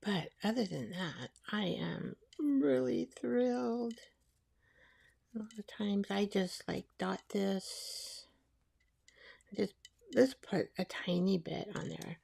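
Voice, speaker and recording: A woman chatting casually as she makes a collage, rambling and talking to herself while she glues, her voice soft and sometimes dropping to a whisper. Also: mid-range voice, expressive, slow pace, vocal fry, husky. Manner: soft-spoken, drifting into whispers. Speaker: collage artist. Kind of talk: casual crafting narration.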